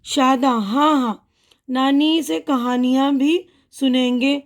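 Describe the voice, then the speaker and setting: Teacher lady reading as little shada, slow careful textbook reading, pretty high voice. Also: fairly even intonation. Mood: cheerful. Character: schoolchild Shada from a storybook dialogue.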